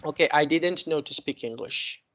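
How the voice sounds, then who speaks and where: A man's voice: on the high side, normal speed, a bit bright. Serbian accent guy in his late 30s, english teacher on a muffled video call, keeps repeating words to encourage. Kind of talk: online conversation lesson.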